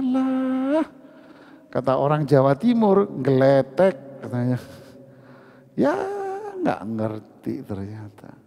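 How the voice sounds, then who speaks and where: A man giving a lively, joking sermon at a mosque study session, teasing the congregation questions. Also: a little high, vocal fry. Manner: animated, teasing, asks the audience questions. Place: mosque hall. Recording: reverberant mosque hall.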